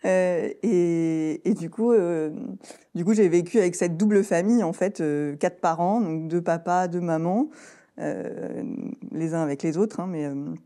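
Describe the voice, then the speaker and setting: A woman in her thirties from southern France, chatting as an interview guest, laughing often and filling pauses with "euh". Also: on the low side, dark tone. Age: 30s. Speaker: guest, co-founder. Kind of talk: casual interview.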